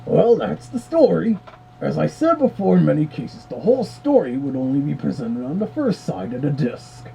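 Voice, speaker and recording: Gravelly, dark-voiced male reviewer. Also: on the high side, sing-song, moderate pace, slight background noise, rough recording. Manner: wry, chatty asides. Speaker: reviewer host. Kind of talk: casual commentary.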